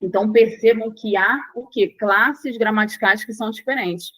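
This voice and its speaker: A woman's voice: a little high, normal speed, a bit bright, no room sound, low-quality recording. A woman with a Brazilian Portuguese accent teaching an online language lesson, explaining in plain steps, repeating key points and checking in with her students.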